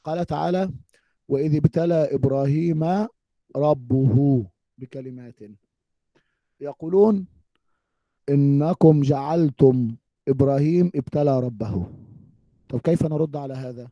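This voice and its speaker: A man's voice: on the high side, a little slow, pauses often, no echo, lo-fi sound. A man teaching an Arabic grammar lesson, speaking emphatically and asking the class rhetorical questions. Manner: emphatic, addresses listeners as "my people", quotes scripture.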